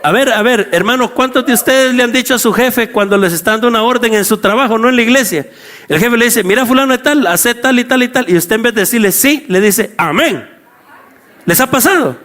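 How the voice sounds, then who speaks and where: Animated high-voiced Guatemalan pastor preaching. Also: male voice, quick pace. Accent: Guatemalan Spanish. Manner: animated, acts out quoted voices, calls out to the congregation. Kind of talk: sermon.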